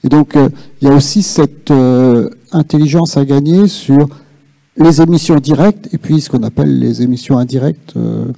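A man in the audience at a policy workshop offers spontaneous remarks during a public discussion, speaking haltingly and reflectively as he searches for words. His medium-pitched voice has a very dark, gravelly, creaky timbre, recorded with no echo.

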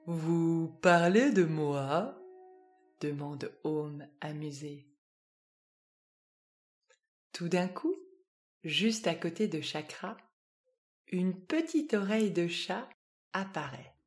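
Soft, slow female storyteller for kids, light music underneath. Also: lowish voice. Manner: calm, soft, gentle narration. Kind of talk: storybook reading for children.

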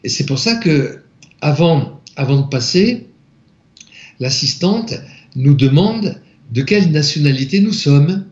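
A man from France, an interview guest, softly recounting a personal spiritual experience, halting and searching for his words. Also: a little high, lively intonation. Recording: echoey, slightly dull room recording.

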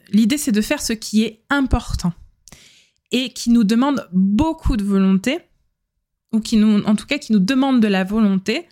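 A woman hosts a solo podcast, giving practical advice in a relaxed, chatty way. She fills her talk with hesitations and corrects herself as she goes. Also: fairly high pitch. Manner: chatty, many fillers and self-corrections. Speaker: podcast host.

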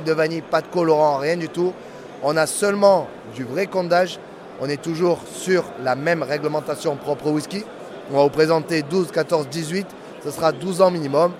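A man with a Marseille accent, a brand ambassador giving a quick, assured product presentation at a tasting stand. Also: background noise. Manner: fast, assured sales pitch. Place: indoor rum fair. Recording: loud crowd at a busy fair.

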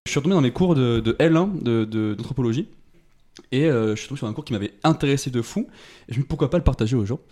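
A young man talks quickly in a relaxed podcast chat, hesitating and restarting often as he explains a topic. His pitch sits in the middle of the range. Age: young adult. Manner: hesitant, many fillers and restarts. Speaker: podcast co-host presenting a segment. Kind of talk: casual chat.

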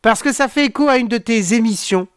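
A man's voice: extremely high pitch, fairly quick, a bit bright, clean tone, no echo, studio quality. A man hosting a podcast in casual chat, rambling with many fillers and restarts. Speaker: podcast host.

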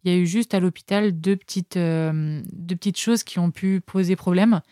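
Warm-voiced woman recounting hospital anecdotes. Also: fairly low pitch, no room sound, clean studio sound. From France. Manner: hesitant, many filler pauses. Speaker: nurse, interview guest. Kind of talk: casual anecdotal storytelling.

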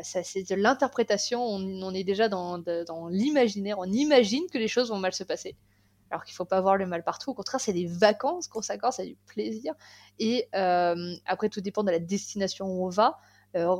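A woman's voice: medium pitch, darkish tone. Woman, young adult, casual podcast chat, enthusiastic, lots of restarts. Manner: enthusiastic, many fillers and restarts. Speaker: podcast guest.

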